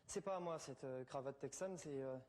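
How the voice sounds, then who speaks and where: A man's voice: medium pitch, normal speed, darkish tone, slight background noise. A man acting in a comedy sketch, stammering nervous excuses.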